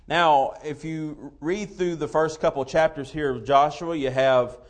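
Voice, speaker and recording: A man with an Appalachian hillbilly accent preaching to a congregation in a folksy, halting, self-deprecating way. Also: on the high side, fairly even intonation. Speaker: visiting missionary preacher. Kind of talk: sermon, folksy address to a congregation.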